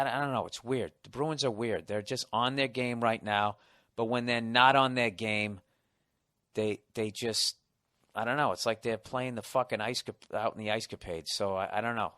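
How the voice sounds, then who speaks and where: A man in his forties with a Boston accent hosts a podcast, reading a listener's letter aloud in a casual comedic monologue. His medium-pitched, slightly bright voice is captured in clean studio quality with no echo, and he curses often, riffing sardonically between lines.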